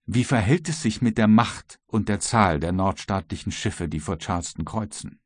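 A male audiobook reader voicing a courteous, inquisitive general with a husky voice. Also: lowish voice, moderate pace, no room sound, studio quality, natural voice. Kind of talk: audiobook reading.

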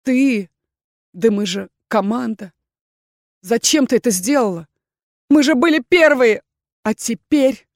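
A woman's voice: fairly high pitch, expressive, unhurried, pauses often, no room sound, clean studio sound. A woman voicing a bewildered, hurt male orc student. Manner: confused, hurt.

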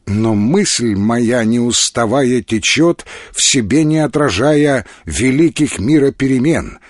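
A man voicing a drunken, sardonic young gentleman who mocks in a flat, drawling tone. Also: medium pitch, moderate pace, breathy edge, no echo, clean studio sound. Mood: mocking. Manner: ironic, mocking, drawling.

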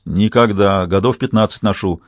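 A man doing a stubborn, steady soldier. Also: fairly low pitch, normal speed, dry recording, studio quality, close to an everyday voice. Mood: calm. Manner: calm, stubborn.

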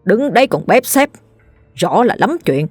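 A woman's voice: mid-range voice, big pitch swings, a little slow, darkish tone, husky, no room sound, faint music behind. A woman doing a sarcastic, quarrelsome ghost-hunter brother. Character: sharp-tongued middle brother, sarcastic and quarrelsome.

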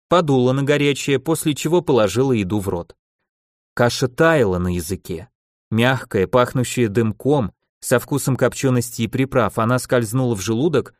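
A man narrating an audiobook in an expressive storytelling manner on a close studio mic. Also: mid-range voice, dry recording.

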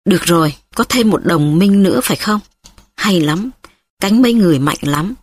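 A woman's voice: expressive, normal speed, slightly rough, no echo, studio quality. A woman reading an audiobook, voicing a furious, spiteful middle-aged wife who hurls scornful insults. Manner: shrill, scornful, shouting insults.

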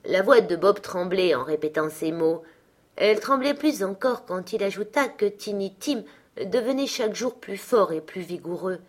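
A woman narrating a classic story as an audiobook, with a lively, expressive reading. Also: mid-range voice, normal speed. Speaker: audiobook reader.

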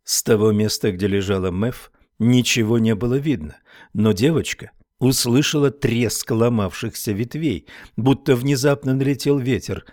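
A man narrating an audiobook in a steady, even storytelling manner. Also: mid-range voice, normal speed, dry recording, studio quality.

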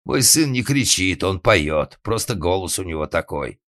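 A man voicing a gruff, crude old organ-grinder father with a wooden leg who grumbles bluntly. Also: deep voice, very animated, measured pace, fairly bright tone, full character voice. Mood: grumbling.

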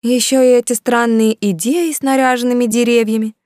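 A woman's voice: on the high side, little pitch movement, a little fast, a little mellow, dry recording, clean studio sound, pitched above the performer's own voice, natural voice. A woman reading the part of a pert, ambitious young noblewoman with a raised, questioning voice.

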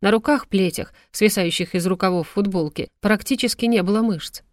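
A woman reads a novel aloud with steady storytelling, her voice at a middle pitch. The close-miked audiobook recording is dry with no room sound. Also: normal speed, no echo. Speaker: audiobook narrator. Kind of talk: scripted narration.

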